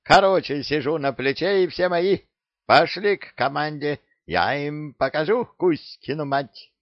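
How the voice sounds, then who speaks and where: A man voicing a cheeky, boastful male parrot who bullies the crew, with a shrill, cocky, bossy manner. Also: a little slow, no echo, lo-fi sound.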